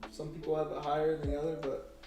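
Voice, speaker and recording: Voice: mid-range voice, monotone, fast talker. A co-host chatting casually and easygoingly with friends about shows they watched. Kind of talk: casual group chat. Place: living room couch with friends. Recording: roomy sound with clear music underneath.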